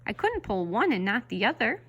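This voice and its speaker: A woman's voice: on the high side, big pitch swings, a little fast, a bit bright. A woman voicing a stubborn but tempted schoolboy in a storybook reading. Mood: protesting. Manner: protesting, earnest.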